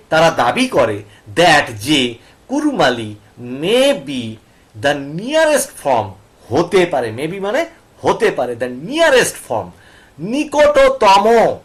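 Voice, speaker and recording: A male teacher walks through an English passage at an unhurried pace. His fairly high voice rises and falls a great deal. He reads the English slowly, spells words out in syllables and checks that his students are following. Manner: reads English slowly word by word, then explains; breaks words into syllables aloud. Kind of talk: explaining an English passage in Bengali.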